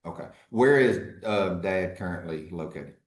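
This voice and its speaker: A man speaking as an attorney in a courtroom recording, formally questioning a witness in a measured, halting way. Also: low voice, expressive, reverberant. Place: courtroom hearing.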